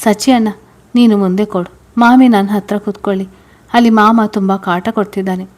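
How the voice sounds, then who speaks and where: A bubbly little girl from a spoken storybook, as a woman puts her on, chattering and asking questions. Her voice sits a little higher and louder than the narrator's own, in a lively, curious way. The pitch stays in an ordinary middle range. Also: normal speed, natural voice. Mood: chatty.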